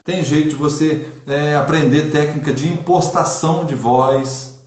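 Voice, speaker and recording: A man's voice: fairly high pitch, fairly even intonation, measured pace, darkish tone. Man with emphatic earnest delivery, echoey room. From Brazil. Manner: earnest, emphatic, repeats for stress. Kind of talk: casual online chat on preaching.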